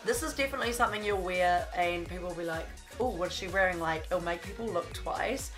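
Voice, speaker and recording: A young fashion vlogger, stuffed up from a cold, gushes through a clothing haul in a small bedroom studio, chatty and saying "like" constantly. Her lowish voice is fast and a bit bright, with soft music playing behind her.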